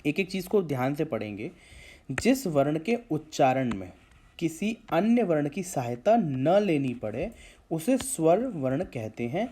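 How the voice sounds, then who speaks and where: A man's voice: a little high, sing-song, measured pace, mellow, slightly rough. A man teaching a grammar lesson to schoolchildren, explaining patiently step by step and drawing out vowel sounds to show pronunciation.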